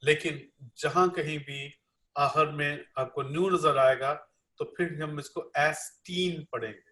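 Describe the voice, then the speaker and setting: A man's voice: a little high, steady tone, measured pace, sharp tone. A man interpreting a classroom lecture live, repeating each line with many fillers. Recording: echoey room.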